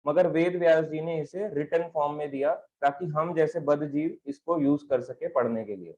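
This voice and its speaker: Male spiritual teacher, slightly high voice, patient explanatory delivery that asks and answers itself, stand mic, dull recording. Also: normal speed, mellow. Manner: explanatory, asks and answers his own questions. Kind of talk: devotional talk on scripture.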